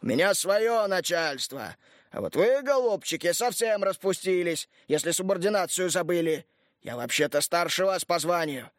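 Man voicing a slow, pompous army major. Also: high-pitched, lively intonation, no echo, clean studio sound. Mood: indignant. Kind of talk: audiobook character reading.

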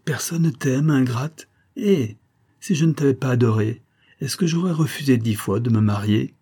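A man's voice: medium pitch, moderate pace, warm tone, slightly rough, lightly acted. A man reading an audiobook, voicing a fussy middle-aged female servant who dotes on and scolds the girl she raised. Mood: indignant. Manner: scolding, doting. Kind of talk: audiobook character voice.

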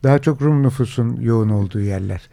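Gravelly, mellow-voiced male radio co-host. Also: medium pitch, quick pace. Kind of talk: radio talk show interview. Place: radio studio.

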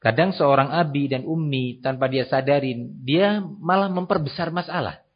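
A man's voice: a little high, normal speed, husky. A man from Indonesia preaching an Islamic sermon in an earnest, admonishing manner. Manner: earnest, admonishing, acts out parents' voices. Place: small prayer hall. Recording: dull lo-fi sermon recording.

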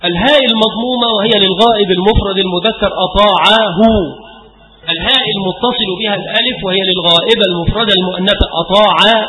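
Man, grammar teacher, lecture, quizzes himself and repeats examples, forceful tone, roomy echo. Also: high voice. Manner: explains with questions he answers himself, drills example words. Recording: echoey hall with long reverb.

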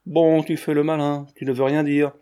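A man voicing a gruff, bullying middle-aged customs officer in a storybook reading. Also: a little high, flat delivery, moderate pace, warm tone, voice pushed up, lightly acted. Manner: brusque, bullying.

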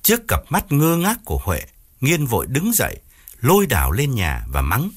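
A male narrator telling a dramatic audiobook story in an expressive, swooping delivery. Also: medium pitch, moderate pace, husky. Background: faint background music.

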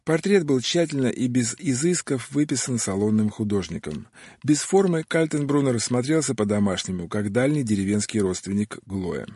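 A man narrating an audiobook in a steady, measured read. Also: mid-range voice, slightly rough, no echo, clean studio sound. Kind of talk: scripted narration.

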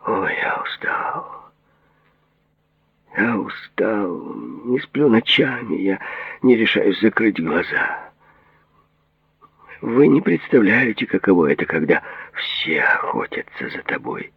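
A man voicing a paranoid, excitable middle-aged businessman, jumping between whispers and shrill outbursts. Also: a little slow, vocal fry, breathy edge, dry recording, exaggerated voice. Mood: agitated. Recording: thin phone-like audio.

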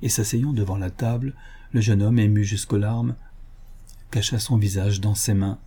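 A man narrates a classic novel as an audiobook, reading in a steady, measured way. His voice is husky and on the low side.

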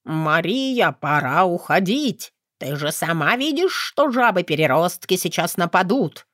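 Jittery male grasshopper, done by the narrator, lower voice, urgent. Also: sing-song, unhurried, a bit bright, no room sound, studio quality.

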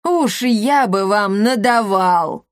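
A woman's voice: medium pitch, slow, dry recording, close to an everyday voice. A lazy, boastful man grumbles and protests indignantly, as a woman reader puts him on. It sounds like a storybook reading with a dry, close voice. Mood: grumpy.

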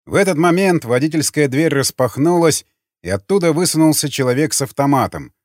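A male audiobook narrator with a fairly high voice that moves a lot in pitch. He tells the story in a steady, dramatic way. The recording is close and dry. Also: a little fast, no room sound.

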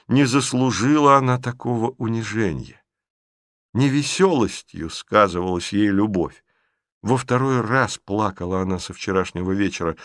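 A man narrating a classic novel as an audiobook, in a measured storytelling manner. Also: lowish voice, dry recording, studio quality.

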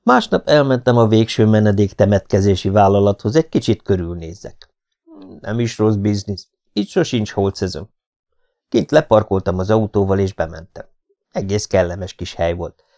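A man's voice: fairly low pitch, a little mellow. A man reading a hard-boiled first-person audiobook in a wry manner. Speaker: audiobook narrator.

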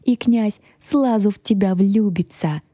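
A woman reading an audiobook, voicing a bossy, grumpy male dragon guardian who speaks slowly. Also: medium pitch, warm tone, no room sound, clean studio sound, voice pushed up, natural voice. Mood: dreamy.

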